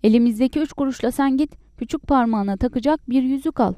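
Woman voicing a shrill, furious peasant wife. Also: fast talker, dry recording, clean studio sound, natural voice. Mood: scolding. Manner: shrill scolding, shouting. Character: furious poor peasant wife, sharp-tongued.

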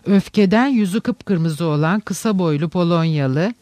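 A man narrating a novel in a steady, even storytelling manner. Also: sits high, unhurried, no room sound. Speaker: audiobook narrator. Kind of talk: scripted literary narration.

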